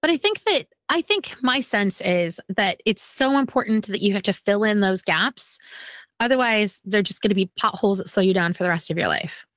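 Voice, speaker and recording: A woman's voice: medium pitch, lively intonation, normal speed, a bit bright, no echo. A homeschooling mother in her forties chatting casually, talkative and self-deprecating, laughing at herself. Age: 40s. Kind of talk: casual podcast chat.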